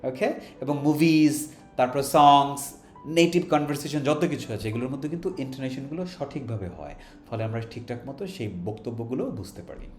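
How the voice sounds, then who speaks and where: Lively Bangladeshi English teacher. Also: male voice, mid-range voice, normal speed. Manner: asks rhetorical questions and answers them himself; models English questions with a clear rising tone. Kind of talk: online language lesson. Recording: roomy echo with faint music underneath.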